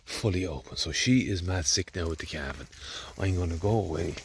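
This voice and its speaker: Filming with a handheld phone on his farm in the rain, an Irishman rambles and grumbles in a casual vlog. His voice sits low, at a normal pace, with vocal fry and slight background noise.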